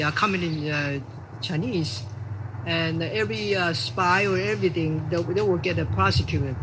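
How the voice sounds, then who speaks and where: An older woman from Taiwan, an engineer giving unscripted remarks at a press event, halting and full of fillers. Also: fairly low pitch, noisy background. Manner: halting, many fillers and restarts.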